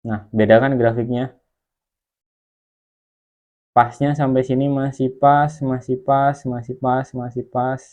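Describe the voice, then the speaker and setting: A man at an ordinary middle pitch narrates a video editing lesson from his screen. He explains at an unhurried pace, one step at a time, while he works. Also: level tone, darkish tone. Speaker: online course instructor.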